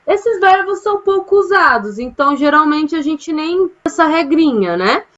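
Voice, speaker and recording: A woman's voice: sits high, lively intonation, normal speed, a bit bright, lo-fi sound. A woman English teacher from Brazil giving a casual online grammar lesson from home, explaining patiently and checking in with her students often. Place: home, during quarantine.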